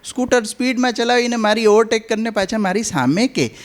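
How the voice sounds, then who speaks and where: High-voiced Gujarati man telling jokes. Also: brisk. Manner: storytelling with rising punchlines. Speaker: comic speaker at a spiritual gathering. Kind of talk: humorous anecdotes told to an audience.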